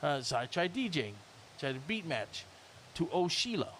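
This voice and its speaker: A man in his fifties, a rapper and guest, chatting at a roundtable with a higher voice that swings widely in pitch. He tells lively stories, mimicking sounds and other people's voices as he goes. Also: normal speed, slight background noise. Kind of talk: casual roundtable chat.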